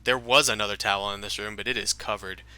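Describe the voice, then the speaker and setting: A man's voice: fairly low pitch, steady tone, fast talker, sharp tone, clean tone. A man working as game master, improvising tabletop game narration in an informal, descriptive way.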